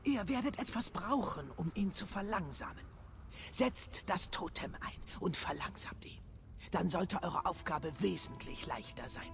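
A solemn reptilian sage from a fantasy game. The voice is gravelly and measured, with a cryptic, wise manner, and music plays underneath. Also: female voice, fairly low pitch, expressive. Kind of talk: video game character acting.

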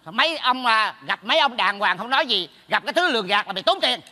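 A man's voice: very high voice, lively intonation, sharp tone, full character voice. A man playing a meddling neighbor in a stage comedy sketch, brash and teasing. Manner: brash, teasing, rapid scolding. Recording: stage hall with long reverb.

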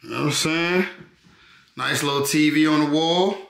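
Speaking at a moderate pace in a somewhat bright, higher-pitched voice, a man in his twenties gives a relaxed, slangy apartment tour as a vlogger. He repeats himself and keeps asking "you know what I'm saying" while going from the rental's interior to its rooftop. The handheld camera is held near him, picking up echoing rooms and noticeable background sound.

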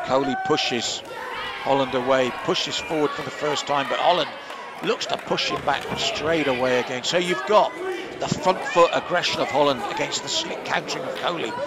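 Speaking at normal speed in a mid-range voice, this man calls a kickboxing fight live from ringside, breaking it down analytically and offering personal opinions on how it should be scored. The indoor venue has a live audience, and loud crowd noise sits behind him.

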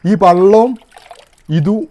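Man, high voice, casual hands-on demonstration, patient step-by-step explaining. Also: steady tone, takes it slowly, mellow. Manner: explains step by step, keeps asking if you understand. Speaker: home arrowroot powder maker demonstrating.

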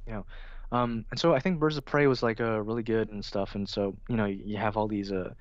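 A man's voice: on the low side, steady tone, a little fast, no echo. A young man chats casually as a guest, his talk loose and full of fillers. He livens up when he acts out his own delivery. The recording is dry and slightly dull, like a lo-fi mic. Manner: filler-heavy, says "like" and "you know" often. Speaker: guest, film video essayist. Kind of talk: casual interview chat.

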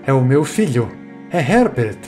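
A man voicing a frantic, desperate old woman who cries out and pleads in a story reading, with soft music behind. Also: medium pitch, sing-song, unhurried.

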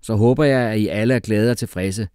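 A man voicing an exasperated male schoolteacher who shouts and gets flustered. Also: lowish voice, clear, resonant tone, no room sound, clean studio sound, voice pushed up, natural voice.

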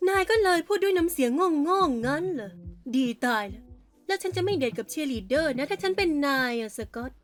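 A woman voicing a blunt, scornful goth teenage girl in an animated story dub. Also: high voice, brisk, soft background music.

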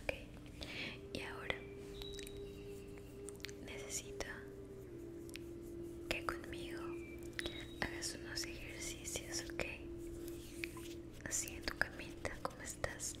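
A woman's voice: extremely high pitch, monotone. A woman in a whispered role-play, guiding the listener in a soothing, encouraging ASMR manner with affectionate, caring wording. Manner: soothing, encouraging, slow, uses affectionate diminutives.

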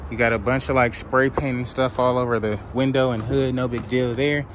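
A man's voice: mid-range voice, little pitch movement, fairly quick. A man vlogging a casual walkaround of cars at an outdoor auction lot, filmed on a handheld phone while he walks, chatting in slang and asking viewers to comment. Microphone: handheld phone camera, filming while walking. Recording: outdoor lot with clear background noise.

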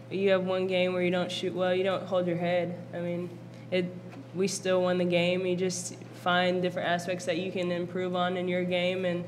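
Young woman ballplayer at a presser, flat even voice, bit of hum behind. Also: on the low side. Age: young adult. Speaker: college basketball player. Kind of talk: post-game press conference answers. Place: press conference room with backdrop. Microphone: table mic.

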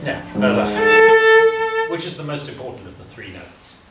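A man's voice: mid-range voice, animated, moderate pace. A middle-aged man teaching a music masterclass, playful and questioning, laughing often. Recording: echoey hall, distant mic, music behind.

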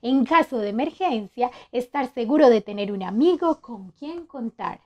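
A woman's voice: on the high side, moderate pace, dull audio. A woman voicing a clever, kindly old grandfather toad in a children's story. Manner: calm, sly and kindly.

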